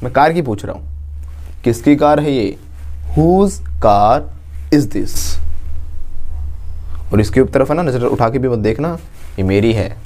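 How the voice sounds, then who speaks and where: A man's voice: mid-range voice, animated, slow, pauses often, warm tone. A man teaching a spoken English lesson, drilling phrases and asking students to repeat them.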